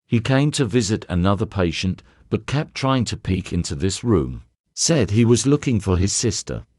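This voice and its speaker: A man's voice: on the low side, sing-song, normal speed, darkish tone, no echo, clean studio sound. A man voicing a frightened young woman nurse who answers hesitantly. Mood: nervous.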